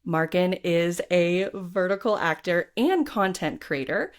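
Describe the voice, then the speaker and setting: A woman's voice: fairly low pitch, expressive, measured pace. A woman co-hosting a podcast, asking questions in a bubbly, giggly way. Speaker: podcast co-host. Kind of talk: casual interview chat.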